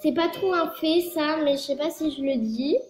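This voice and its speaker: High-voiced stuffy-nosed young teen girl vlogging. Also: moderate pace, a little mellow, faint music behind. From France. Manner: rambling, full of fillers and self-corrections. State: stuffy nose from a cold. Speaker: youtuber. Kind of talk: casual vlog monologue. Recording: echoey room with faint noise.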